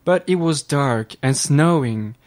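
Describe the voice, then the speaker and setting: Man voicing a young boy, earnest, high-pitched, slow and careful. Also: animated.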